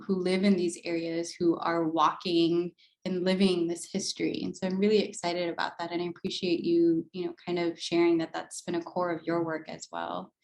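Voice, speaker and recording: Earnest, low-voiced woman reflecting aloud. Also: darkish tone. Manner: thoughtful, earnest, repeats words. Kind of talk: reflective discussion.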